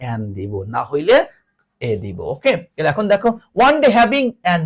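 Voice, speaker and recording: A man's voice: high-pitched, huge pitch swings, a little slow. A man teaching an English grammar class, repeating each word and teasingly scolding his students. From Bangladesh.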